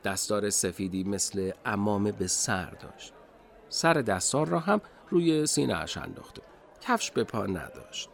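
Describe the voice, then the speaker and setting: A man narrating a children's radio storybook slowly and expressively. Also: lowish voice, big pitch swings, gravelly.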